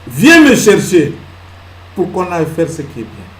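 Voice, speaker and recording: Animated preaching man, echoey hall. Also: high voice, moderate pace. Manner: emphatic preaching that swings between loud peaks and hushed asides; asks the congregation questions and answers them himself. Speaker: pastor. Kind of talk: sermon. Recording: echoey hall with faint ambience.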